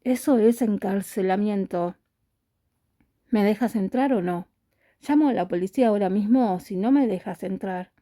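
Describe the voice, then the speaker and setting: A furious, pushy young woman shouting her demands, as a woman reading a story puts her on. The voice is deep, dark and mellow, recorded close and dry. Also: normal speed, no room sound, lightly acted.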